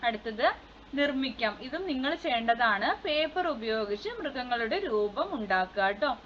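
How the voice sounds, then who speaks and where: A woman's voice: fairly high pitch, lively intonation, normal speed. A woman teaching a children's textbook lesson, reading the story aloud and explaining it in simple words. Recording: slightly dull sound with faint noise.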